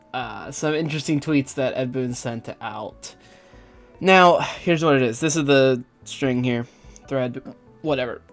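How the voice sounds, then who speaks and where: A young man giving casual gaming news commentary, rambling and hesitant with lots of fillers and restarts. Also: medium pitch. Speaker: gaming YouTuber.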